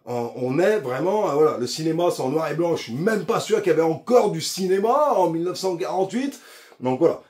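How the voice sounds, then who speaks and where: A man's voice: fairly high pitch, a little mellow. A man hosting a casual fishing vlog, talking straight to the viewer in a chatty, slangy way with restarts and asides. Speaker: fishing YouTuber.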